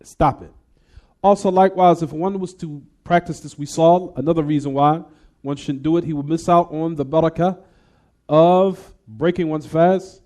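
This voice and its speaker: A man, an Islamic teacher, leads a hadith class, repeatedly posing questions to the room and answering them himself while reciting Arabic quickly between plain explanations. His voice is fairly high with a darkish tone.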